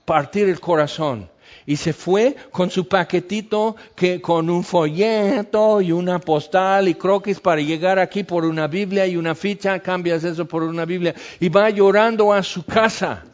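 A man preaching a sermon, telling stories with sound effects and sometimes dropping to a hush. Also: sits high, a little slow, lo-fi sound. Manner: animated storytelling with sound effects, dropping to hushed tones. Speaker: pastor.

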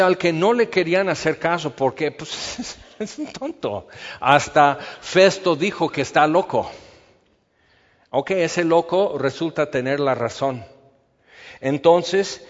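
A man preaching a sermon, lively, asking rhetorical questions and acting out quoted voices. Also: high voice. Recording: lo-fi echoey hall.

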